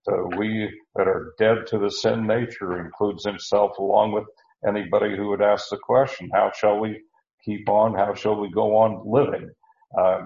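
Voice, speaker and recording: A man teaching verse by verse through a Bible passage, unhurried, with many fillers and restarts. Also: on the low side, darkish tone. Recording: roomy, dull lo-fi recording.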